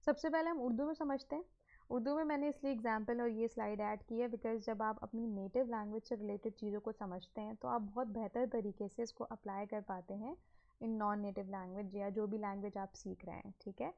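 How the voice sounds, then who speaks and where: A woman's voice: a little high, fairly even intonation, a little fast, dull audio. A woman, teaching from slides, mixing English phrases into Urdu and asking and answering her own questions. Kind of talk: explaining a slide lesson.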